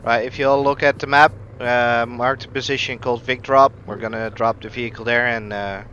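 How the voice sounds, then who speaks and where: A man leading a squad over gaming voice chat, giving brisk orders with plenty of fillers. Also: mid-range voice, little pitch movement, bright, forceful tone, muffled recording, slight background noise. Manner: brisk, directive, many fillers. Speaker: squad leader in a military game.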